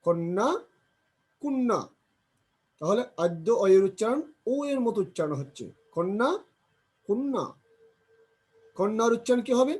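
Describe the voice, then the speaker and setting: A man teaching a grammar lesson, slowly drilling pronunciation, repeating example words and asking and answering his own questions. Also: sits high, animated, a little mellow, husky.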